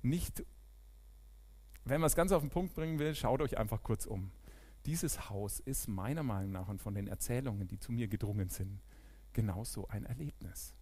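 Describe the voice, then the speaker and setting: A male preacher gives a lively sermon in a church, his voice jumping up in loud emphasis and then dropping to hushed asides. He talks casually to the congregation, mixing scripture with informal commentary. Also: lowish voice, normal speed, husky. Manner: animated, swings between loud emphasis and quiet asides.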